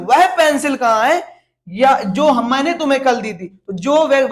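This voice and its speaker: A woman teaching English grammar in Hindi, explaining each step and asking questions that she answers herself, reading example sentences slowly word by word. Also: fairly high pitch. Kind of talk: Hindi-language grammar lesson.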